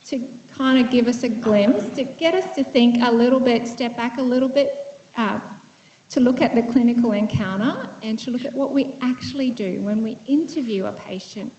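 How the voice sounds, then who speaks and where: Woman psychiatrist from Vietnam, fairly high voice, echoey lecture hall, dull lo-fi sound, thoughtful, conversational. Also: a little mellow, slight background noise. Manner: thoughtful, conversational, with frequent fillers and restarts. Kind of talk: conference presentation. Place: lecture room.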